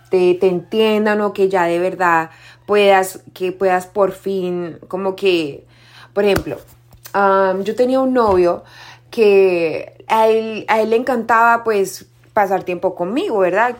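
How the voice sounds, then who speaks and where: A young adult woman, a life coach, giving a casual motivational talk, conversational and often tagging her points with a question. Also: mid-range voice. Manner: conversational, often asks "¿verdad?"; acts out quoted shouting in a raised voice.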